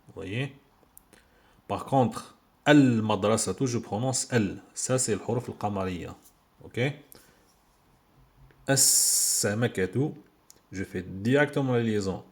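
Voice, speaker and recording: A man's voice: fairly low pitch, measured pace, darkish tone. A man giving an informal video lesson on Arabic letters, patiently repeating words for learners, recorded on a handheld phone. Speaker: Arabic teacher.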